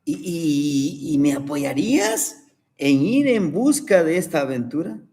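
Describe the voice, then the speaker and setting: A man's voice: a little high, sing-song, takes it slowly, warm tone, full character voice. A man voicing a young brave caterpillar who pleads to become a butterfly. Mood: pleading. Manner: earnest, pleading storybook voice.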